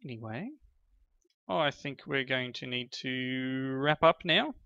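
A middle-aged man with a gravelly, bright edge to his voice talks through a family gameplay session in an easygoing, encouraging way. The sound is dry and a little dull, with a slightly lo-fi quality. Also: medium pitch, takes it slowly, dry recording. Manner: chatty, praises and encourages his kids. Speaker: gaming channel host playing with his children. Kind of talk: casual gameplay commentary.

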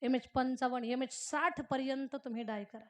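A woman preaching a devotional kirtan sermon. She moves between brisk storytelling, rhetorical questions and homely humour, and slow, drawn-out chanting of verses. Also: high-pitched, fairly even intonation.

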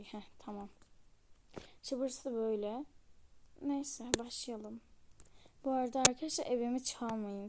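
A tired woman narrating her game casually to viewers, in soft, half-whispered asides. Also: on the high side, noisy background. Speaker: channel host.

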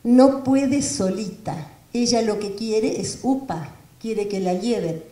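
A tender mother cooing over her little girl, as a woman lecturer puts her on. The voice is warm and mellow and rises a bit. It echoes and sounds distant from the mic. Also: a little high, slow. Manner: cooing, soothing.

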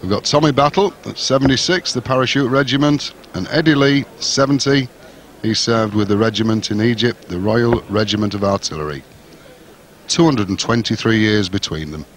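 Over the roar of a darts arena crowd, a man delivers live television darts commentary in short, clipped phrases. His voice is fairly low and moderately paced.

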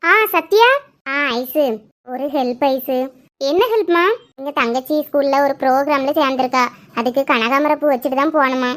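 A woman's voice: high-pitched, normal speed, a bit bright. A woman performing a one-woman comedy sketch, switching between a scolding mother, a whiny girl and a friend. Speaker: comedy sketch creator playing all the parts.

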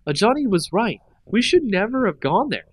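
A man's voice: high-pitched, normal speed, slightly rough, no echo, pitched above the performer's own voice, full character voice. A man doing a blunt young fire mage. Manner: blunt and flat.

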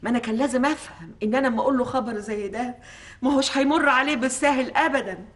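A woman's voice: on the high side, very fast, lightly acted. An actress playing a guilt-stricken, grieving Egyptian mother, lamenting with an Egyptian accent. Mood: anguished. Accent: Egyptian Arabic. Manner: anguished, lamenting.

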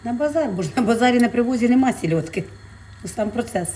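A woman's voice: on the high side, lively intonation, fast talker, a little mellow. A woman who sells fish, chatting in a casual cooking vlog from her home kitchen. She talks to her viewers affectionately and fills her speech with diminutives. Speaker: fish vendor and vlogger.

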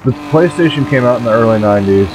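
A man in his late twenties, co-hosting a casual gameplay chat in a relaxed, laid-back way. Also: mid-range voice, fast, noisy background. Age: 20s. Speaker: gaming channel co-host.

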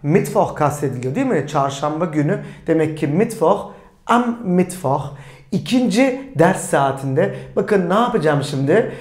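An online language teacher with a lively, rising-and-falling delivery. They keep asking the viewers questions and answering them, and they slow down for clear model sentences. The voice rings with the echo of a bare room. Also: mid-range voice. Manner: asks the viewers rhetorical questions and answers them, calling them friends; says German example sentences slowly and clearly.

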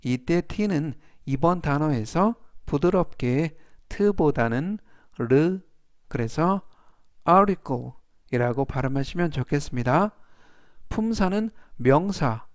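A man leads a vocabulary lesson, stretching each English word out slowly and clearly so learners can repeat it. His voice sits a little high, and his delivery is very deliberate. The recording is dry and close, with no room sound. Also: lively intonation, no room sound. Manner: drawls English words slowly and clearly for repetition. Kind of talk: slow scripted vocabulary lesson.

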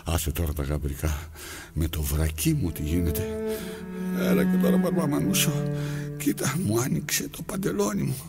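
Over music, a man's rather low, gravelly voice plays an aging, lonely character. Mending his trousers, he rambles to himself and his needle in a theatrical monologue, coaxing it at one point and scolding it at the next.

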